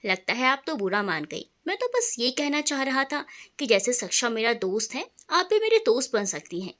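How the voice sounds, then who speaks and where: A woman voicing a joking, flattering young man who is nervous around his friend's wife, in a storybook reading. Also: a little high, moderate pace. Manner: jokey, flattering.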